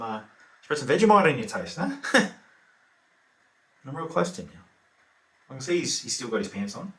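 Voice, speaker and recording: Remorseless lazy Australian killer, played by a male actor; offhand, laconic delivery with fillers; medium pitch; roomy echo. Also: bright, forceful tone, distant mic. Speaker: actor performing a monologue. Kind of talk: theatrical monologue.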